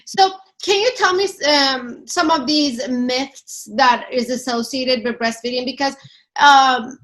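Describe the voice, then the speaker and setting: A woman's voice: high-pitched, takes it slowly, a bit bright. A woman from Iran and Sweden hosting a conversational interview, earnest and affirming, sometimes searching for words. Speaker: host.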